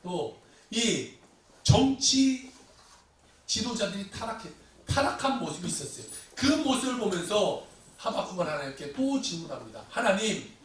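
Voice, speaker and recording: Animated male pastor in an echoey hall. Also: high voice, moderate pace. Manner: animated preaching, acting out prayers and everyday complaints. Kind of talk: Sunday sermon. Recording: echoey hall, distant mic, faint noise.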